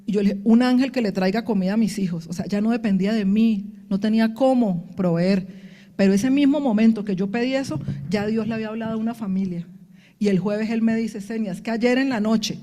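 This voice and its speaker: A woman's voice: fairly high pitch, fairly quick, warm tone. Woman preaching in a reverberant hall. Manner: earnest testimony, acts out prayers in quoted speech. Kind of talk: sermon.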